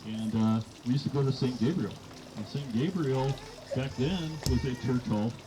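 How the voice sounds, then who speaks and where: A man's voice: medium pitch, moderate pace. A middle-aged man giving an informal wedding toast as father of the bride, telling stories in a folksy way. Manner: folksy storytelling, acting out quoted dialogue. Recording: live event with clear background noise.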